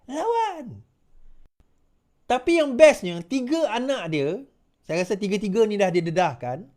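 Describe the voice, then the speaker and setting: A man's voice: sits high, darkish tone. A man with a Malaysian Malay accent giving political commentary to viewers, telling stories animatedly with laughs and slipping English phrases in.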